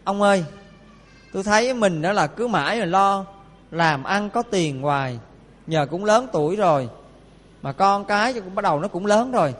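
A woman's voice: mid-range voice, lively intonation, normal speed, in a large hall, close to an everyday voice. A man voicing an older wealthy wife who earnestly pleads with her husband. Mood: pleading. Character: older rich woman, worried wife.

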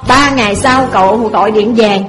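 A woman's voice: a little high, normal speed, poor audio. A woman telling a moral story as a sermon, addressing her listeners emphatically.

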